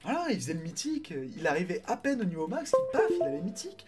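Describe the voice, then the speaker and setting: Excitable French-speaking male game caster. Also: sits high, fast talker, loud music behind the voice. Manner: excitable, chatty, greets viewers, swears casually. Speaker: tournament caster and streamer. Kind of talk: live game commentary.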